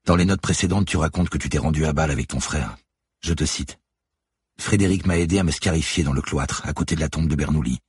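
A man's voice: a bass voice, fast talker, breathy edge, no echo, clean studio sound, heavily acted. A man voicing a relentless woman police detective who lays out her accusations steadily and methodically in an audiobook. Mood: accusing, cold. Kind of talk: audiobook character voice.

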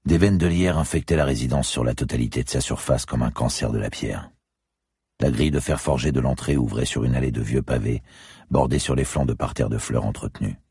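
Very deep husky male narrator. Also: fairly quick, mellow, no room sound, clean studio sound. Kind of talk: audiobook narration.

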